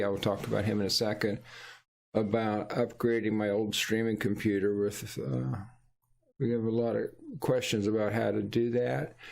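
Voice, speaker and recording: A man with a lowish, gravelly voice hosts a casual livestream chat. He rambles as he goes, breaking off and restarting his sentences. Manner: rambling, halting, with frequent restarts. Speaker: Twitch streamer hosting a livestream.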